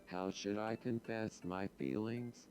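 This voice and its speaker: A synthetic-sounding man's voice playing a lovestruck, dim-witted cartoon game character, earnest and creaky. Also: on the low side, steady tone, slow, music in the background. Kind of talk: game character text read aloud.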